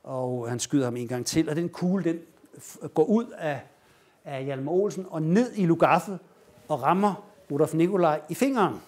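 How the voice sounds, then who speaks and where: A man giving a lecture, telling a story with animated retelling and acting out the quoted lines. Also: fairly high pitch. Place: lecture room.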